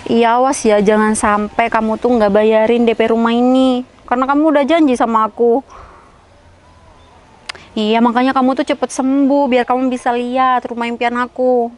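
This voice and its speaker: A woman's voice: fairly high pitch, flat delivery, normal speed, darkish tone, lightly acted. A woman playing a chatty, bossy young woman hunting for a house, talking to herself and nagging on the phone, in an amateur skit.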